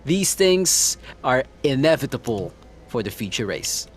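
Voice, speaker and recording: A man doing casual live commentary on a sim racing stream, relaxed and chatty, laughing often. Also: medium pitch, measured pace, slight background noise.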